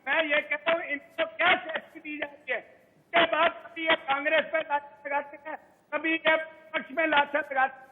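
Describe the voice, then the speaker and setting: A man arguing loudly as a political analyst over a distorted remote line. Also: very high-pitched, little pitch movement, moderate pace, in a large hall, narrow, tinny audio. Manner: loud, shouting delivery. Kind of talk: heated debate argument.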